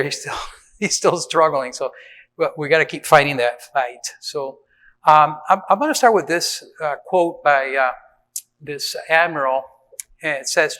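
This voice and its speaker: A man's voice: fairly high pitch, fairly bright tone. A middle-aged man from Venezuela giving a conversational conference talk to facility managers, with frequent fillers and restarts. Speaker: conference speaker on building maintenance. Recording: reverberant hall.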